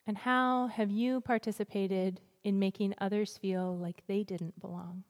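A woman leads a gentle guided reflection at an unhurried, soothing pace. Her pitch is average and she leaves deliberate pauses between short invitations. The sound rings with the long reverb of a hall. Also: fairly even intonation. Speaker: guest church speaker. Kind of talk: gentle guided breathing and reflection before a sermon. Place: large church hall, speaking to a congregation.

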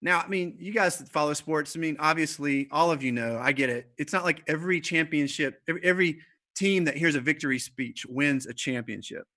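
A man preaching a conversational sermon, speaking to the congregation and the children watching online, with fillers and repeated starts, slowing down for emphasis. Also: fairly high pitch, pushed and bright. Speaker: pastor. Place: church service streamed online.

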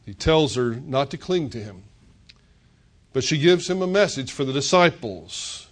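A man's voice: medium pitch, expressive, measured pace. An older man preaching a sermon, retelling scripture as a story and voicing the characters' words. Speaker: pastor.

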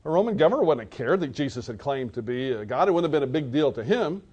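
A man's voice: mid-range voice, very animated, quick pace, darkish tone, breathy edge. A man preaching a sermon, retelling a scene in vivid storytelling detail.

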